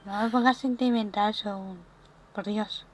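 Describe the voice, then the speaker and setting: A woman's voice: medium pitch, unhurried, a little hiss or hum. A woman from Spain with a Spanish accent, streaming a game and chatting with lots of exclamations. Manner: chatty and expressive, with frequent exclamations. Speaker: gaming streamer. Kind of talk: live-stream chat.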